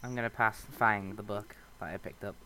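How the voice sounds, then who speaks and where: A man playing a tabletop game, talking excitedly and stumbling over his words. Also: fairly low pitch, brisk, clear, resonant tone. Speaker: player. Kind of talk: casual tabletop play.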